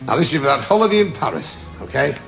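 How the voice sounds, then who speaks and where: A man's voice: a little high, sing-song, quick pace, creaky, faint music behind. A man hosting a television game show in a studio, bantering with contestants and cracking puns. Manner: jokey, punning, teasing contestants. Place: TV studio with a live audience. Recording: loud audience and noisy broadcast sound.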